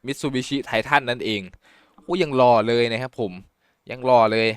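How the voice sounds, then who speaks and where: A man giving casual, excited commentary on a car game, exclaiming often and imitating engine sounds. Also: medium pitch, a little slow, clean tone, no echo, clean studio sound. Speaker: gameplay YouTuber.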